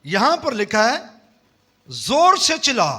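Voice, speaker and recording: Pastor preaching, really high bright voice, goes loud then drops soft, call and response. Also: male voice, huge pitch swings, slow pace, husky. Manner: switches between loud emphatic and soft low passages. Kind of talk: sermon.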